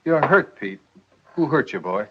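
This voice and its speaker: An actor playing a slick, fast-talking schemer pitching a deal to a friend, in 1950s film acting. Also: male voice, sing-song, noisy background. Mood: persuasive. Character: slick con-man friend, pushy. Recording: dull old film soundtrack with music.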